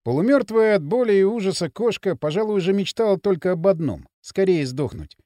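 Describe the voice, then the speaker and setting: A man narrating an audiobook in an expressive reading voice on a close mic. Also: high-pitched, a little fast, dry recording.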